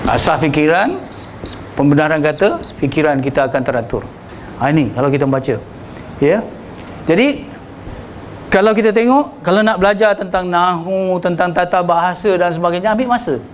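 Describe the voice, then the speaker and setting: A man with a Malaysian Malay accent teaches a room of students in a relaxed lecture. His voice sits fairly high, and he keeps checking that people follow. A faint hiss runs under the recording. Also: moderate pace, low-quality recording. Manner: conversational, acts out examples, checks understanding with "ya". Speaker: religious teacher leading a sermon-writing workshop. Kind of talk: workshop lecture.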